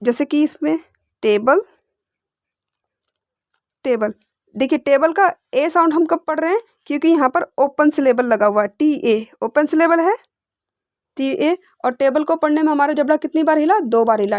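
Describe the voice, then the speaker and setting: A woman teaching English phonics, explaining patiently, repeating words slowly and asking rhetorical questions. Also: sits high, a little mellow, no echo, studio quality. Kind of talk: explanatory lesson.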